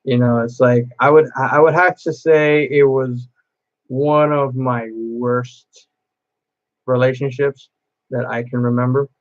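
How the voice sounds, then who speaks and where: A man tells a personal story straight to his viewers in a casual vlog, circling back and restarting his sentences as he goes. He talks slowly and deliberately at a mid pitch. The recording is muffled and lo-fi. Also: steady tone. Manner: rambling and repetitive, with many restarts. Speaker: cosplay vlogger.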